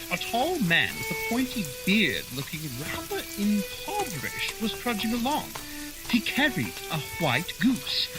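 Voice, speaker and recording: A man's voice: sits high, poor audio. A man playing Doctor Watson, a chatty, naive sidekick and genial storyteller in a radio detective drama. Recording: music behind the voice.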